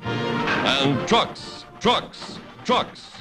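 Booming old newsreel announcer, man. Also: sing-song, drawn-out words, loud music behind the voice. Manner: booming, emphatic declaiming. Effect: old newsreel recording.

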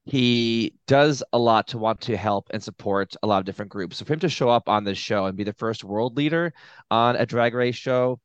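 A man from Canada, a podcast guest, giving measured, thoughtful opinions in casual chat. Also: mid-range voice, clear, resonant tone, no echo, highs cut off.

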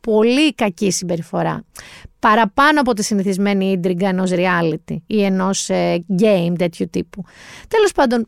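A woman co-hosting a casual talk show, chatting lively and emphatically about new TV series. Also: medium pitch, vocal fry, clear, resonant tone, dry recording, clean studio sound. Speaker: podcast co-host recommending series. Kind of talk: casual chat.

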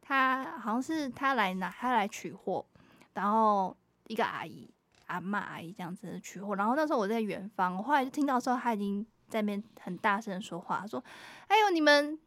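A woman's voice: medium pitch, brisk, dry recording. A woman, co-hosting a podcast and telling a work story while acting out the customers. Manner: animated storyteller, acts out customers. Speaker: podcast co-host. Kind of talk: casual chat.

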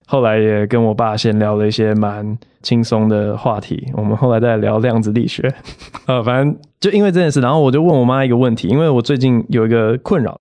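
A man's voice: medium pitch, a little fast, a little mellow, smooth, dry recording. Exasperated man ranting on a podcast. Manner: exasperated, rant-like storytelling with quoted voices. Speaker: podcast host and comedian. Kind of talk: comedic solo podcast monologue.

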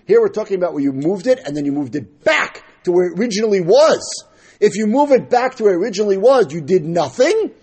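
A man's voice: high voice, big pitch swings, fast, darkish tone, husky. A man with teaching a Talmud lesson, reading phrases and explaining them as he asks and answers his own questions. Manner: argumentative, asking questions and answering them himself.

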